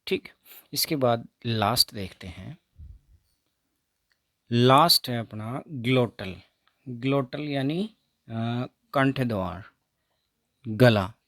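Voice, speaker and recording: A man teaching phonetics, repeating each sound slowly so students can say it with him. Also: mid-range voice, lively intonation, a bit bright, dry recording, studio quality. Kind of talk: explaining phonetics lesson.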